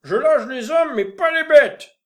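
A loud, grasping innkeeper, read by a man in a classic audiobook tale. His voice rises high and booming as he calls out and flatters. He leans hard into every line. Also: measured pace, heavily acted. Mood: curt. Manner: shouting, fawning then indignant. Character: loud greedy pushy male village innkeeper. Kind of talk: audiobook character reading.

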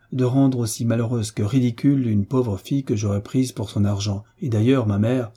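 A pleasure-loving young aristocrat refuses his mother gently but firmly, as read by a male narrator. His voice is very dark and mellow, with a husky edge. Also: on the low side. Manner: calm, tender, quietly defiant. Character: carefree young nobleman, gentle but firm son.

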